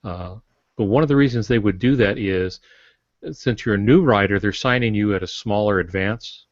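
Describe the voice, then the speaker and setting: This man's lowish voice moves at a normal speed. He's on a podcast as a guest author, and his explanations come across casual, folksy and full of opinion, captured in roomy, muffled lo-fi sound.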